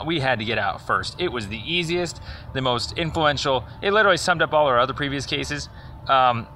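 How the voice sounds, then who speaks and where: A man with a mid-range, pushed, bright voice leaves a rambling voicemail complaint, sounding sarcastic, confrontational, indignant and accusatory. There is slight background noise.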